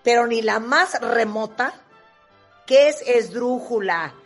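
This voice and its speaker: Lady host, kinda husky, a bit high voice, joking about herself. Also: lively intonation, slow pace, faint music behind. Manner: self-deprecating, playful. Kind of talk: casual chat.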